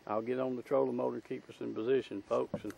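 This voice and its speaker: A man's voice: mid-range voice, little pitch movement, fast, vocal fry, dark tone. A man with a Southern US accent hosting a casual fishing show from a boat on a lake, speaking in a folksy way into a camera microphone. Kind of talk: casual outdoor fishing commentary. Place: outdoors in a boat on a lake at night. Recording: noisy outdoor camera recording on a lake.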